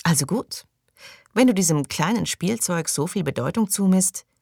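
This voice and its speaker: A woman reading an audiobook, voicing a defiant, scheming young woman who speaks eagerly and coaxingly, her voice jumping higher. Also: expressive, normal speed, creaky, a little mellow, no room sound, clean studio sound.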